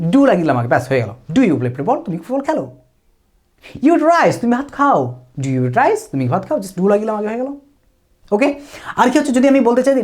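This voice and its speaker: A woman's voice: mid-range voice, a little mellow. A woman teaching a spoken English lesson, explaining patiently and stopping often to check that her students follow.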